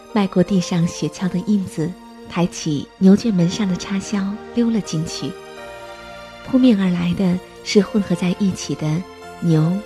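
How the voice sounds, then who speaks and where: A woman narrating a storybook in a gentle, even-paced reading voice. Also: lowish voice. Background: faint music.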